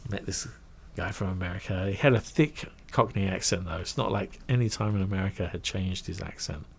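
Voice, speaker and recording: Man telling a lively anecdote. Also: low-pitched, brisk, gravelly, breathy edge. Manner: animated, acts out quoted voices, trails off into asides. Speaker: guest recounting his career. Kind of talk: casual anecdotal storytelling.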